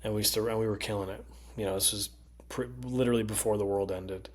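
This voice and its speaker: A male comedian with a Connecticut accent telling animated, profane stories in casual chat and mimicking other people's voices. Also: fairly low pitch, fast talker. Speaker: comedian guest. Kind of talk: casual storytelling.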